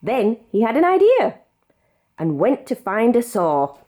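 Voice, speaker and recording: A British woman narrates a children's storybook in a fairly high voice. Her pitch swings up and down in a very animated way, with expressive, measured delivery suited to reading aloud.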